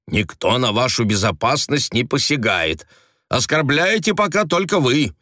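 Narrator playing a mocking, commanding police agent in an audiobook, dry close sound. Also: male voice, mid-range voice, fairly bright tone, dry recording, voice pushed up. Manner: brusque, commanding, sarcastic. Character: gruff, mocking male secret police agent.

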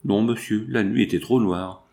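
A man voicing a gentle young wounded seamstress in a soft, faint way. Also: on the low side, normal speed, creaky. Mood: weak.

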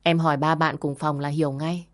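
A woman voicing a blunt, weary woman who runs a brothel, speaking in a brisk, blunt way. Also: deep voice, little pitch movement, close to an everyday voice.

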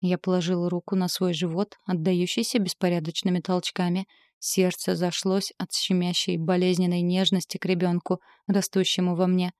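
Give me a woman with a low, warm voice narrating a story steadily. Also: level tone, normal speed, no echo, studio quality. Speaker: audiobook narrator. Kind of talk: first-person story narration.

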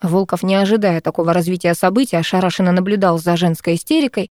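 Mellow-voiced woman narrating a novel. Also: fairly low pitch, fast talker, dry recording, clean studio sound. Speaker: audiobook narrator. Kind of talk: first-person novel narration.

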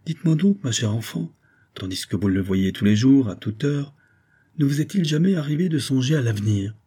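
A man's voice: medium pitch, expressive, brisk, mellow, husky, pitched above the performer's own voice. A man reading the part of a scheming, aging viscount in a suave, coaxing manner. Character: scheming aging male viscount, smooth and cunning.

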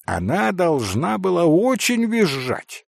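A man reading an audiobook, putting on the voice of an excited, insistent teenage schoolboy. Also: high-pitched, takes it slowly, creaky, no room sound, clean studio sound, exaggerated voice. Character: eager, bossy teenage schoolboy, talking fast.

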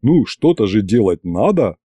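A man voicing an earnest, steady retainer in an audiobook, in plain sober tones. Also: lowish voice, moderate pace, breathy edge, no room sound.

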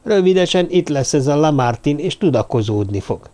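A man voicing a nervous, hushed little dwarf man who brings bad news, in an audiobook. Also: a little high, expressive, close to an everyday voice. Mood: worried. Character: anxious little dwarf man, the group's talker. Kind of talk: audiobook character voice.

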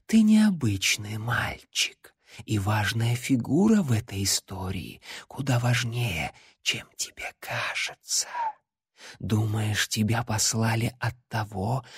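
A man voicing a living female shadow spirit in an audiobook, whispering slowly and coaxingly. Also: on the low side, no echo, clean studio sound, full character voice. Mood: soothing. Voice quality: whispered, breathy. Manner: slow, coaxing and intimate.

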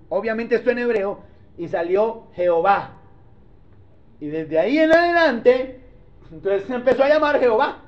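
A pastor teaches his congregation in a very high voice. He keeps stopping to ask whether they follow. The recording sounds dull and lo-fi. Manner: conversational, keeps checking in with the congregation. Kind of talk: teaching sermon.

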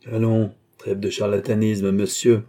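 A man's voice: fairly low pitch, measured pace, close to an everyday voice. A man voicing a tense, indignant young chevalier. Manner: clipped, indignant, trying to stay calm. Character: proud young chevalier, tense and barely controlled.

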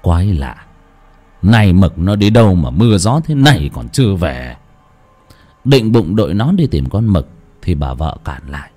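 A man's voice: deep voice, very animated, normal speed, dark tone, faint music behind. A man narrating a horror story dramatically.

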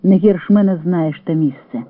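A brisk senior fighter with a cheerful, slightly dismissive way of talking, as a male reader voices him. His voice is a touch high and dry. It comes through a narrow, phone-like radio sound. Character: brisk senior partisan man, Pozaluzhny. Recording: tinny lo-fi radio recording.

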